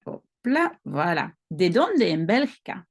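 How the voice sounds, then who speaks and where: A woman with a Belgian French accent, reading practice sentences slowly and carefully, explaining and correcting herself as she goes. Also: medium pitch, very animated, slightly rough. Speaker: language-learning video host. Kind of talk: reading practice dialogue aloud.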